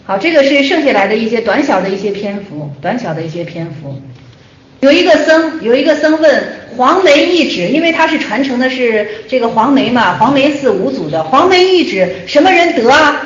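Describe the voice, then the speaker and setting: A woman's voice: high voice, very animated, brisk, a little hiss or hum. A woman giving a conversational lecture on Buddhist texts, who often repeats her phrases and asks herself questions. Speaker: Buddhist teacher. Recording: echoey room, dull lo-fi sound.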